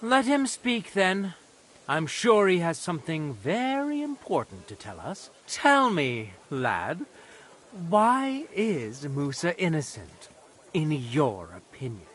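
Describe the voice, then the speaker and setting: A man's voice: a little high, huge pitch swings, slow, a bit bright, heavily acted. An actor playing a stern, scornful nobleman who presides over a trial in a video game dialogue. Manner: commanding, scornful. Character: stern haughty nobleman judging a camp murder.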